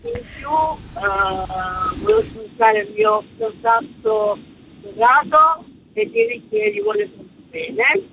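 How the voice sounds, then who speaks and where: Woman caller on speakerphone, call breaking up, slow halting speech, bright voice. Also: very high-pitched, very animated, gravelly, a little hiss or hum, low-quality recording. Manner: halting, with hesitant fillers. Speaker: radio caller. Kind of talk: casual call-in greeting. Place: moving car.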